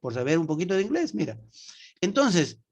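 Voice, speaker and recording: Male teacher on a video call, slightly high-pitched, drawing out words and checking in with "¿no?". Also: sing-song, creaky, breathy edge. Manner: demonstrates words slowly, often ends with "¿no?". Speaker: English teacher. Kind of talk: online class explanation.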